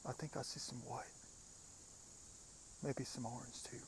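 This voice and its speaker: Male outdoor vlogger, mid-pitched voice, hushed and often whispering, faint crickets and insects in the background. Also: level tone, a little slow, slight background noise. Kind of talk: hushed outdoor vlog narration. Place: outdoors by water.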